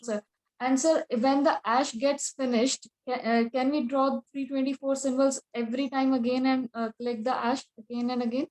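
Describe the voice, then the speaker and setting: A woman's voice: sits high, fairly even intonation, normal speed, darkish tone, rough recording. A woman with a North Indian accent, a native Hindi speaker, asking questions in a class politely and a little hesitantly. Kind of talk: casual class discussion. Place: online group class call.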